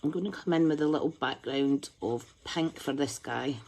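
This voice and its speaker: She has a rumbling low, darkish voice and talks at normal speed. As host of a craft tutorial doing live colouring, she chats, thinks out loud, and hums to herself while concentrating.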